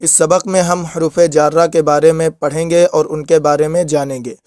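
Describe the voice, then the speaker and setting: Man, teaching, patient repetition, higher pitch, dry recording. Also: steady tone, darkish tone, no echo. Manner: repeats each example slowly. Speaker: Arabic teacher. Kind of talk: lesson.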